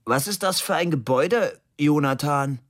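A man voicing a mischievous young man who pretends to be hard of hearing, in a high, loud, exaggerated voice. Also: big pitch swings, a little slow, exaggerated voice. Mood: mock-innocent. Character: young man, mock-deaf prankster, mischievous.

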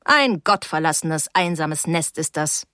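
A woman's voice: low-pitched, animated, unhurried, bright, forceful tone, no room sound, studio quality, full character voice. A woman reading an audiobook, voicing a blunt, scolding nanny who is fierce but caring. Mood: gruff. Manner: blunt, scolding, dramatic outbursts.

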